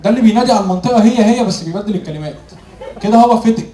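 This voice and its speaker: A man with a Cairene Egyptian accent delivers observational stand-up at a very rapid clip. His voice sits high for a man as he acts out little exchanges. It rings around an echoey live room with a laughing crowd. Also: a little hiss or hum. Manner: animated storytelling, acting out short dialogues. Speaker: stand-up comedian. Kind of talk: observational stand-up comedy routine. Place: live comedy venue with audience.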